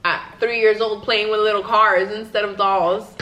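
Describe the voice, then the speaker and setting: A young woman in her twenties chatting casually while eating, talking quickly and laughing often. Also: medium pitch, level tone, bright, forceful tone, roomy sound, low-quality recording. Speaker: vlogger. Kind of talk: casual mukbang chat. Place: apartment living room floor.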